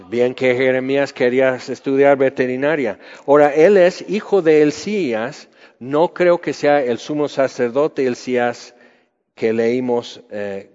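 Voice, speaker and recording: A man's voice: medium pitch, a little mellow. A man preaching a Bible teaching, conversational, asking his listeners questions. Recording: muffled sound with long hall reverb.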